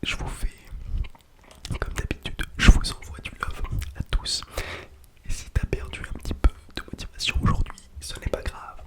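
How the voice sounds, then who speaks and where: A man whispers a casual ASMR chat very close to the mic, hushed as if quiet at night, with soft breath and lingering repeated words. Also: normal speed. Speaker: ASMR content creator. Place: small home toilet room, indoors. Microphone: close sensitive microphone without windscreen.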